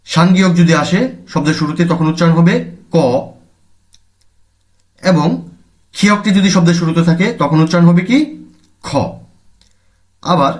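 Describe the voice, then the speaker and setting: A man with a Bangladeshi accent teaching a language lesson, explaining each word, repeating terms and answering his own questions. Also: on the high side.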